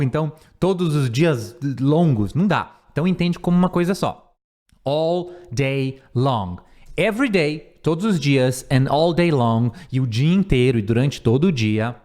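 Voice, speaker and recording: A man teaching English phrases in a screen-recorded lesson, patiently repeating words and slowing down for each example. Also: fairly high pitch. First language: Portuguese. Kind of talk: language lesson explaining phrases.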